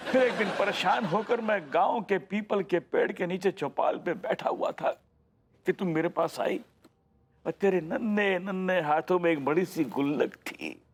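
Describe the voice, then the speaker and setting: A man's voice: high-pitched, measured pace, slight background noise. An actor playing a boisterous, doting older father who tears up over his daughter and mocks his son-in-law, theatrical in delivery. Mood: fond. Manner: theatrical, swings from tearful to mocking. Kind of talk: sitcom acting.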